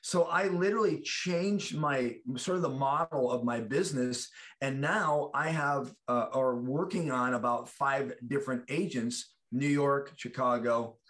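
A man's voice: mid-range voice, a little slow, few pauses, a bit bright. A middle-aged American actor chatting about his career, rambling with restarts and acting out the quotes in his stories. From United States. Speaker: actor, guest. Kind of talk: casual chat.

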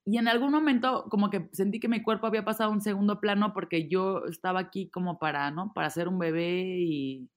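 A woman's voice: medium pitch, fairly quick, few pauses. A woman, a guest talking casually and animatedly in an interview. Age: 30s. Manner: chatty, animated, trailing off and restarting. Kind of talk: casual conversation.

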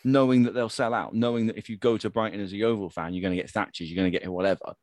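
A man with a fairly low voice talks casually on a football podcast panel. He banters and repeats phrases for emphasis. The recording is dry and free of room sound. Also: steady tone, racing, a little mellow, no room sound.

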